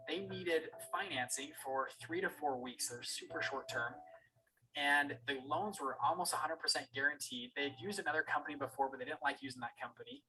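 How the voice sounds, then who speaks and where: Bright, animated man telling a story. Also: fairly high pitch, poor audio. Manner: animated storyteller who acts out dialogue with repeated restarts. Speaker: trading course instructor. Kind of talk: personal story told on a group video call. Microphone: video call.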